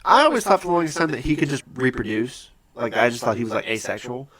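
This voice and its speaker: A man's voice: medium pitch, fast talker, no room sound. A man chatting as a podcast guest, telling stories with frequent laughter. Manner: laughs often, animated storytelling. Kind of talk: casual chat.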